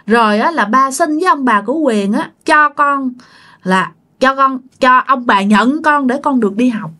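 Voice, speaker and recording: A woman's voice: sits high, animated, normal speed, bright, forceful tone. A woman voicing the pleading spirit of an unborn baby boy, talking in a tearful, childlike way.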